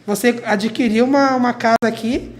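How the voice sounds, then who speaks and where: A woman's voice: on the high side, steady tone, moderate pace. A woman interviewing a guest on a radio show, conversational, often ending her phrases with a questioning tag.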